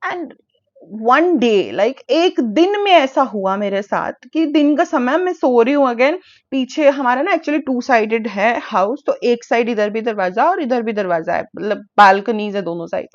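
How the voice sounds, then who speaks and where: Young woman vlogger, high voice, chatty animated storytime, hindi english mix, kinda muffled lo-fi sound. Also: a little slow. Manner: animated, mixes Hindi and English, many fillers. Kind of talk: casual storytime. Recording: dull lo-fi audio.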